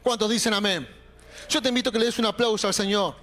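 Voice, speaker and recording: A young adult man preaching a sermon in a Rioplatense accent, animated and calling out to the congregation. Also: high-pitched, fast talker, a faint crowd, slight background noise. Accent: Rioplatense Spanish. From Argentina. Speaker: pastor. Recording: faint music behind.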